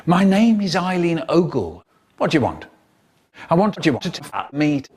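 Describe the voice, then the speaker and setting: A man's voice: big pitch swings, moderate pace, husky. A man telling a story, his speech spliced together from separate clips with jarring jumps between words. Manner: jumpy, jarring shifts in pitch and loudness between words. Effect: spliced together word by word from clips.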